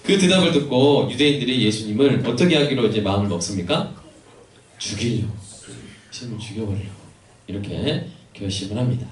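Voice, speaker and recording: A man's voice: on the low side, fairly quick. A male pastor preaching a sermon in a church sanctuary, posing questions to the congregation and adding joking asides. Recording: echoey church hall from far off.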